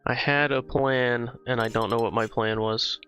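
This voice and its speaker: A man's voice: mid-range voice, steady tone, normal speed, sharp tone. A man livestreaming a game, chatting casually with viewers in a loose, profane way. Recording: slightly dull stream audio with music.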